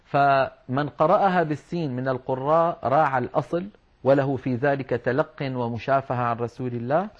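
A man teaching Quran recitation rules, explaining patiently and slowing down to demonstrate words. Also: mid-range voice. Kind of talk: religious lesson on Quran script and recitation. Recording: dull lo-fi recording.

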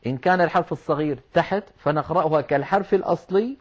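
Patient man teaching recitation. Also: a little high. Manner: patient, explanatory, slows down to demonstrate words. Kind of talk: religious lesson on Quran script and recitation. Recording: dull lo-fi recording.

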